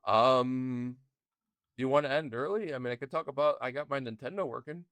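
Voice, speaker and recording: A man's voice: mid-range voice, a little fast, fairly bright tone, dry recording. A man co-hosting a casual movie review podcast, laughing often and trading jokey asides. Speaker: podcast co-host.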